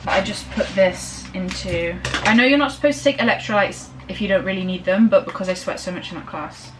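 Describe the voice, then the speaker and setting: Bubbly young woman vlogging. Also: medium pitch. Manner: rambling, bubbly, fast and breathless after exercise. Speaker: lifestyle vlogger. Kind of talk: casual chatty vlog. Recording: slightly distant camera audio with faint room noise.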